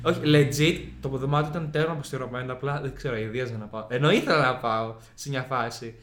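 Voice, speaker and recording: A man's voice: medium pitch, fairly bright tone, reverberant, slight background noise. A young man telling a story in a slangy, rambling way on a casual podcast.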